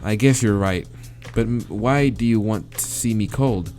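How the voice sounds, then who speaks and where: A man reads a visual novel aloud at a measured pace, his voice on the low side with a darkish tone. As a let's play reader, he drops in swearing and laughter between lines, with game music in the background.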